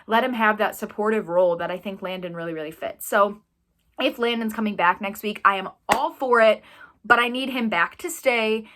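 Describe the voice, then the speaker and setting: A woman's voice: medium pitch, moderate pace, fairly bright tone. A young woman reacting to a TV episode in a chatty, gushing way, full of fillers. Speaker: TV reaction vlogger.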